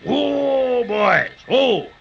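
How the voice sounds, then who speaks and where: A man's voice: extremely high pitch, animated, extremely slow, vocal fry, fairly bright tone, heavily acted. A man acting a jolly, kindly old Santa Claus in a hearty, avuncular 1930s radio style. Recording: muffled, hissy 1930s radio recording.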